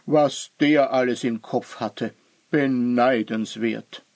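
A man playing an old, wise wizard who speaks slowly and thoughtfully in a children's story. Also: medium pitch, fairly even intonation, darkish tone, no room sound. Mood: grave. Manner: slow, musing, grave.

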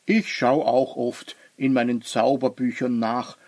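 A man playing an old, wise wizard who speaks slowly and thoughtfully in a children's story. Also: mid-range voice, little pitch movement, a little mellow, no echo, close to an everyday voice. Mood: grave. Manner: slow, musing, grave.

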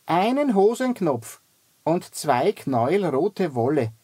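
A woman voicing a small, cheerful male kobold in a children's audiobook, with a bright, eager storybook voice. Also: low voice, big pitch swings, takes it slowly, husky, no room sound, heavily acted.

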